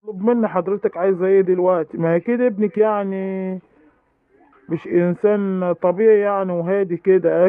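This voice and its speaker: A man's voice: high voice, smooth, no room sound. Egyptian man, tinny dry phone-like sound. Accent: Egyptian Arabic. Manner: lecturing, reproachful. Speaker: school principal. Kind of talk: comedy sketch acting.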